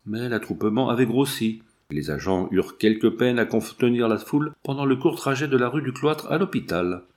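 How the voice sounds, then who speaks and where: A man narrating a classic novel in an even, measured storytelling voice. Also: mid-range voice. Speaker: audiobook narrator. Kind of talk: scripted narration.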